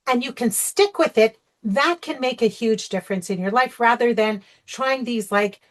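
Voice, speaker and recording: A woman's voice: fairly high pitch, normal speed. A woman coach leading an online workshop over a video call, talking conversationally and checking in with "okay?" and "you know". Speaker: sugar-free recovery coach. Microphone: video call microphone.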